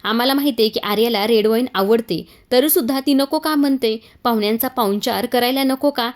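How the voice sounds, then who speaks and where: A woman puts on a nosy aunt from a family serial who needles and insists. Her voice sits higher and louder than the narrator's plain telling. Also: a little fast, close to an everyday voice. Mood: pushy. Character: nosy older woman pushing wine on a guest.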